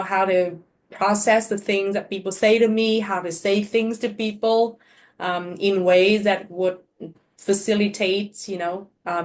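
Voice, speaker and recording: A woman's voice: mid-range voice, a little mellow. A woman from Vietnam, whose first language is Vietnamese, speaking as a scholar on a webinar panel. She talks hesitantly over a video call, with many fillers and restarts.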